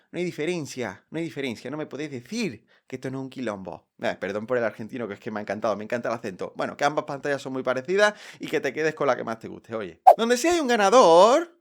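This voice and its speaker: A man, hosting a casual, playful tech review vlog. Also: a little high. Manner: playful, chatty, energetic.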